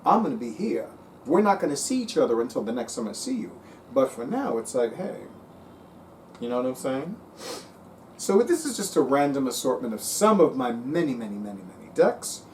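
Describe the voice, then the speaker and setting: A man in his fifties with Cuban heritage, talking about his tarot cards in an animated, casual vlog and swearing freely. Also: mid-range voice, normal speed. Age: 50s. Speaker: tarot reader and YouTuber. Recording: voice a bit far from the mic, faint room noise.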